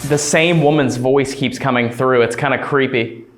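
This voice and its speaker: A man on a ghost hunt, uneasily describing the voices and presences he notices. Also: mid-range voice. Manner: slow, uneasy remarks on what he hears. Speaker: paranormal investigator. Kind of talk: reacting during a ghost hunt.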